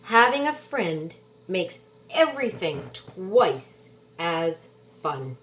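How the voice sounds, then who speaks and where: A woman with a fairly low voice reads a children's storybook aloud with animation, drawing out words for emphasis. The highs are cut off, and there's slight background noise.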